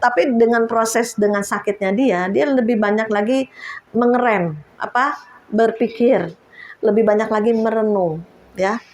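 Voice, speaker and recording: A woman's voice: on the high side, measured pace, a little mellow. A woman in her fifties, an evangelist preacher, giving a chatty sermon testimony and often laughing as she talks to the congregation.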